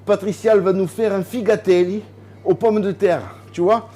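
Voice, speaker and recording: A man's voice: sits high, fairly even intonation, moderate pace, mellow. A man hosting a casual home cooking vlog, talking chattily straight to the viewer. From southern France. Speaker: cooking video host. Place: home kitchen.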